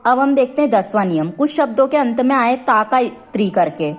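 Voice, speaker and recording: Slow-explaining Indian woman teacher. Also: a little high. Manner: slow, steady explaining, stretching out example words. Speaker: school teacher. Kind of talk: grammar lesson read from a textbook.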